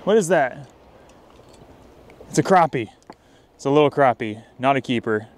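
A young man narrating his night fishing trip by a riverbank in a casual vlog style. He gets excitable, whooping and hollering whenever a fish bites. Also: mid-range voice, normal speed. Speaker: fishing vlogger. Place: riverbank near a dam at night, outdoors.

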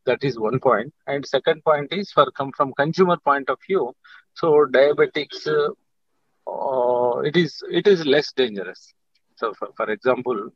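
A middle-aged man with an Indian accent, speaking as a panelist on a video call, halting with many fillers and restarts. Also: medium pitch, no room sound. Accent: Indian English. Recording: dull, dry video call audio.

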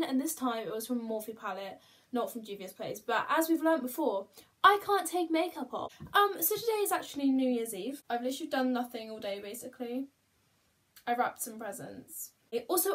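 A woman's voice: high-pitched, animated, moderate pace, a bit bright. A young woman chatting casually to her phone camera as a beauty vlogger, rambling and poking fun at herself. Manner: chatty, rambling, self-mocking. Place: at home.

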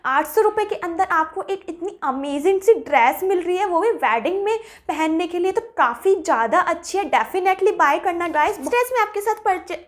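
Woman, young adult, very high voice, chatty haul vlogger, mixes English into her talk. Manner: chatty, mixes English words into Hindi, enthusiastic about prices. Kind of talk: casual product review.

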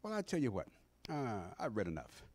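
A middle-aged man with a mid-range voice leads a Bible class in a church sanctuary, speaking a bit quickly and with a slightly mellow tone while his pitch swings dramatically. He's emphatic and keeps putting questions to the class in a call-and-response style, standing in front of a mic stand.

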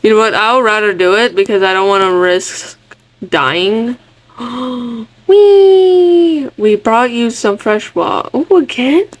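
A woman giving casual, excitable commentary on a game she is playing, chatty and often restarting her words. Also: medium pitch, moderate pace, dry recording, low-quality recording. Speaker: gaming video creator.

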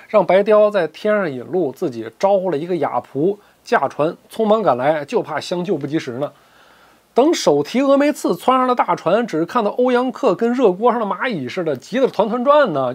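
Animated male storyteller with a lively voice. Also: high voice. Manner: dramatic, colloquial, with vivid asides. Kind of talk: traditional Chinese storytelling.

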